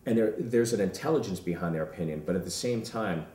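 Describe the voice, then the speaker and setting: Deep-voiced man in a roomy interview. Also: quick pace. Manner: earnest, animated, repeats words when keen. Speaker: comedian guest. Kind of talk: casual interview talk. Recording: roomy sound from a distant mic.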